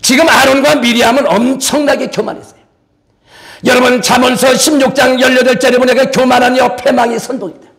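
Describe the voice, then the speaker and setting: A man's voice: very high-pitched, steady tone, a little fast, a bit bright. A male pastor preaching a sermon in a church, emphatic and dramatic, calling on the congregation to repeat after him. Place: church sanctuary.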